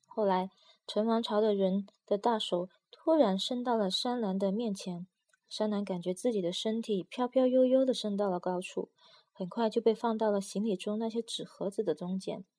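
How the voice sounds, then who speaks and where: A woman narrating a storybook in an even, storytelling manner. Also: mid-range voice, moderate pace.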